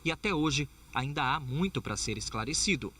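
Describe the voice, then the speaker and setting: A man reads a scripted news report in a measured, formal way. His voice is bright and a little husky. It sounds dry and set back from the mic. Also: fairly high pitch, expressive, no room sound, distant mic.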